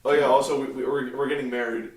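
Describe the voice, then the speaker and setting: Reading an article on a casual podcast he co-hosts, this young man cracks jokes, laughs frequently, and mock-reads the quotes. He talks fast in a medium-pitched, level voice, picked up by a faraway mic in an echoey room.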